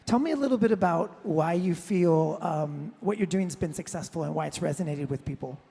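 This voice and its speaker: A woman interviewer asking measured, prepared questions on stage in front of a live audience. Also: lowish voice, gravelly, dark tone, husky. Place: large hall before a live audience. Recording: long hall reverb.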